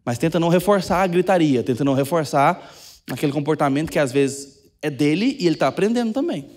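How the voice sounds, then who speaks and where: A Brazilian pastor preaching from the pulpit in a fairly high but dark, mellow voice. He talks conversationally, drops to quiet asides and then climbs into stressed, drawn-out points. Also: animated. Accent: Brazilian Portuguese. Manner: conversational preaching, swings between soft asides and emphatic rises. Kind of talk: sermon. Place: church sanctuary.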